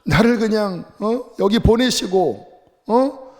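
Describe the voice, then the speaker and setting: Hot-tempered male prophet, sulky and shrill, as a pastor puts him on, in a reverberant hall. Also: expressive, slow pace. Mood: furious whining. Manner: whiny, shouting complaints.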